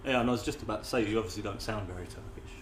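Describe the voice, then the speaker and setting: A podcast host races through a casual interview in a fairly low voice, chatty and swearing, often breaking off and restarting sentences. He is in an echoey room with several poets nearby, and faint ambient noise can be heard.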